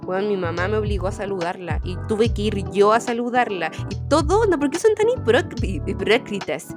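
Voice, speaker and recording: A young woman with a Chilean accent telling a story in casual chat, animated and acting out the people she quotes. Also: fairly quick, over music. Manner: animated, acts out quoted people in sudden high voices. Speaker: podcast co-host.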